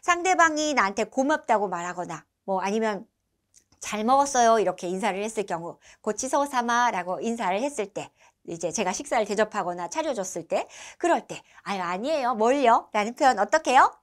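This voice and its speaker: A woman teaching an online language lesson, modeling each phrase clearly and praising her learners as they repeat after her. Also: fairly high pitch, lively intonation. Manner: clear, encouraging, models phrases slowly for repetition.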